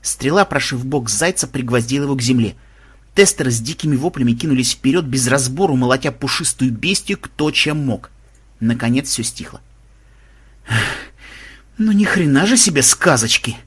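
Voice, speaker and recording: A man's voice: mid-range voice, a little fast, fairly bright tone, slightly rough. A man reading a humorous adventure story aloud as an audiobook narrator, voicing each character's lines in turn.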